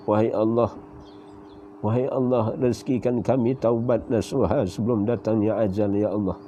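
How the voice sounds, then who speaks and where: A Malaysian man with a Malaysian Malay accent leading the closing supplication of a sermon, reciting prayers in a steady chanting flow. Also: lowish voice. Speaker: religious teacher leading prayer. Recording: muffled lo-fi audio with faint hiss.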